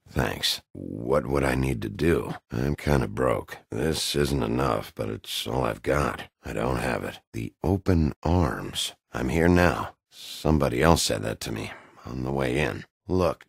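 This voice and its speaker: An actor playing a gruff, weary, hard-boiled wolf detective in a video game, with a gravelly, husky voice and a blunt, dry, brooding way of questioning. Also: male voice, a bass voice, takes it slowly, dry recording, heavily acted. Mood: low-key, wary.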